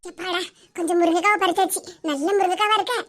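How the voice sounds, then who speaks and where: A woman's voice: very high voice, steady tone, racing. A woman voicing a scheming, sweet-talking village neighbor in a cartoon, with a Tirunelveli Tamil accent, muttering sly asides. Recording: loud background noise.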